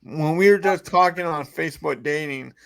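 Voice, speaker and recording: A middle-aged male pastor co-hosts a casual faith podcast. He talks bluntly and jokes while he preaches, in a slightly high voice recorded dry and close. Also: moderate pace, creaky, no room sound. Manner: blunt, joking, preachy asides.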